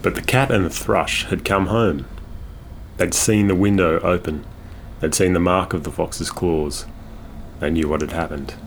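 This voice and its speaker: A man reading a children's storybook aloud in a measured, expressive way. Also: deep voice, a little hiss or hum. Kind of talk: scripted storybook narration. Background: guitar music.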